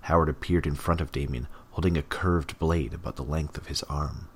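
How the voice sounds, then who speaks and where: A man narrating an audiobook in a measured, even way. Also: rumbling low, a little hiss or hum.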